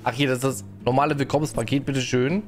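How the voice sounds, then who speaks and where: A man's voice: mid-range voice, level tone, quick pace, faint music behind. A man streaming a game live, chatting and greeting viewers as he plays, often tagging his sentences with a questioning "ne?". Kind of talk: live gameplay commentary.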